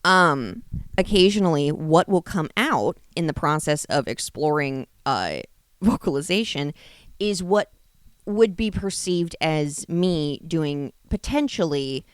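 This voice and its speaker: A woman's voice: sits low, lively intonation, takes it slowly, clear, resonant tone, no echo, studio quality. A woman co-hosting a comedy podcast, chatting casually in a playful, rambling way and often laughing. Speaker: podcast co-host.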